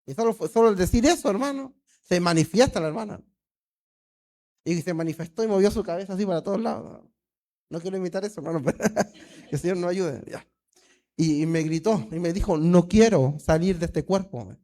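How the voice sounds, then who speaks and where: A man's voice: high-pitched, a little fast, pauses often, a little mellow. A man with a Peruvian Spanish accent, a pastor preaching a fervent sermon and calling the congregation "hermano" again and again. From Peru.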